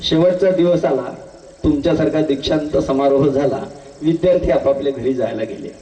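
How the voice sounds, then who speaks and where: A man speaking the lines of a calm old teacher inside a story, in a measured, matter-of-fact way. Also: fairly high pitch, close to an everyday voice. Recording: echoey hall, distant mic.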